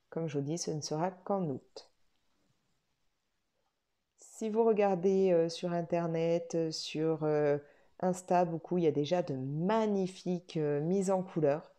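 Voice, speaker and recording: A woman's voice: on the low side, dark tone. A woman vlogger chatting casually about a coloring book, with frequent hesitations and restarts. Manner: hesitant, many fillers and restarts. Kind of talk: casual video chat.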